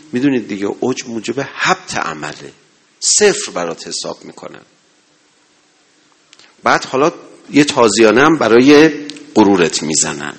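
A man preaching a sermon to a gathering, impassioned, swinging between loud exhortation and low murmurs. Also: husky. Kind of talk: religious sermon.

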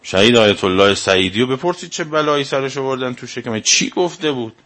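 A man's voice: mid-range voice, a bit bright. Man preaching with pointed rhetorical questions. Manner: argumentative, fires rhetorical questions. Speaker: cleric lecturer. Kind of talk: religious lecture to a live audience.

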